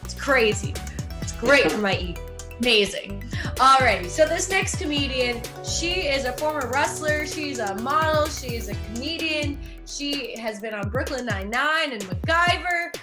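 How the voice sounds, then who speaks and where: A woman's voice: high-pitched, expressive, normal speed, over music. A woman hosting an online comedy show over a video call, upbeat and chatty as she introduces the next comedian. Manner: upbeat, chatty, jokes about her power to mute people. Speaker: host.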